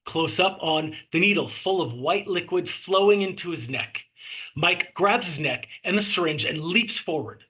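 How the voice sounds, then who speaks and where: A man narrates a screenplay's action lines, reading the scripted scene directions aloud. His voice is slightly high and bright with a distinctly husky grain. He speaks at a normal speed with lively intonation.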